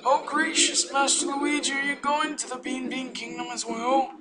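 A man voicing a fussy elderly male steward from a video game, who talks slowly and formally with a quaver. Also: extremely high pitch, flat delivery, voice pushed up. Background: game music.

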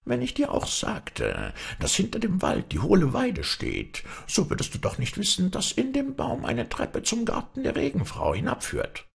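A squawky, spiteful little kobold. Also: male voice, sits high, wildly swooping pitch, moderate pace, vocal fry, hardly any pauses, breathy edge, pitched above the performer's own voice, exaggerated voice. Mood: sly. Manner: crafty, gloating. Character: spiteful squawking male kobold, thin-legged and sly.

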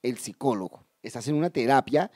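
A man teaching English in a video lesson, explaining step by step, addressing viewers directly and slowly repeating key words. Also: medium pitch, lively intonation, a little mellow, dry recording, clean studio sound. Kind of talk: video lesson for Spanish speakers.

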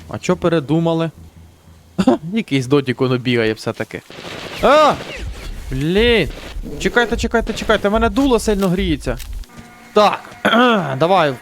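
High-voiced man swearing through a game. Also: a little hiss or hum. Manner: chatty, swearing and joking to himself. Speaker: gaming channel host. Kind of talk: casual let's-play commentary. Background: game music and gunfire.

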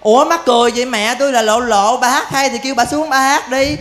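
Mock-indignant high-voiced comic. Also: male voice, steady tone, fast, a bit bright. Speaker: lô tô troupe performer. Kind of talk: comic stage banter. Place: live stage show.

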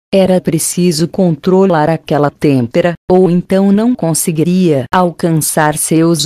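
A woman narrating an audiobook in a steady, measured reading. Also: low-pitched, no room sound, studio quality. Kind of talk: scripted narration.

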